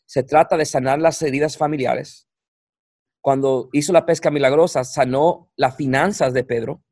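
Preacher, dry close sound. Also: male voice, medium pitch, steady tone, darkish tone, no room sound. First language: English. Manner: halting, searching for words, repeating for emphasis. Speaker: pastor, guest. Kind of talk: conversational preaching on scripture.

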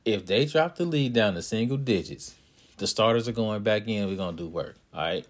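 A man who hosts a podcast and coaches youth basketball, telling a story in a casual, animated way and speaking straight to his listeners. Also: lowish voice, fairly quick. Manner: animated, talks to listeners directly.

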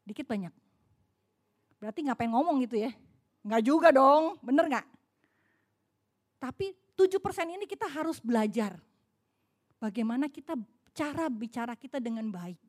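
High-pitched middle-aged woman preaching, chatty stories, keeps asking the crowd questions. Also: animated, moderate pace, pauses often, a little mellow. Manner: chatty storytelling, asks audience questions. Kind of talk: sermon with personal stories.

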